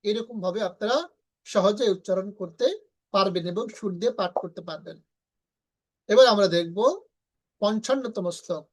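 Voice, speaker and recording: A woman from Bangladesh with a Bangladeshi Bengali accent, teaching verse pronunciation slowly and patiently, repeating syllables and chanting lines in a melody. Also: mid-range voice, darkish tone. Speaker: Gita recitation teacher.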